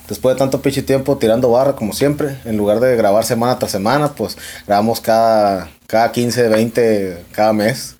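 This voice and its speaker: Hombre mexicano, habla callejera de podcast. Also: male voice, medium pitch, darkish tone. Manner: slangy, profane street talk. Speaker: podcast host. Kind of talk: casual podcast chat.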